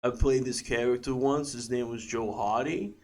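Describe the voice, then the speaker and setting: A man voicing a dim but sweet mama's boy from Brooklyn, with a Brooklyn accent, talking low and simple. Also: fairly even intonation, normal speed, lightly acted. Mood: earnest. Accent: New York, Brooklyn. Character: dim, sweet Brooklyn man who loves his mother.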